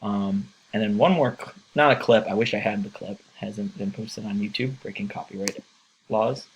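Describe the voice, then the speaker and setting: A man's voice: lowish voice, moderate pace, a little hiss or hum, rough recording. A man teaching a casual lesson, earnest and thinking aloud with many fillers. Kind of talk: casual lecture.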